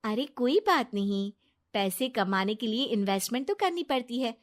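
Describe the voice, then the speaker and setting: Woman voicing a high, trusting young wife. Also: animated, moderate pace, natural voice.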